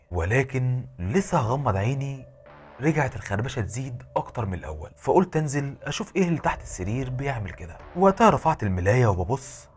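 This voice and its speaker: Egyptian Arabic horror narrator, a man, quick delivery with a lively, swinging pitch. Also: slight background noise. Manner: fast, animated storytelling. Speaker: horror storyteller.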